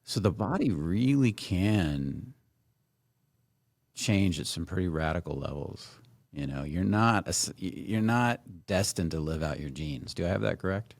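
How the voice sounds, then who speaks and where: Very deep gravelly enthusiastic man. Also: expressive, measured pace, no echo. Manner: enthusiastic, rambling, many fillers. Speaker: podcast host. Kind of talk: casual interview chat.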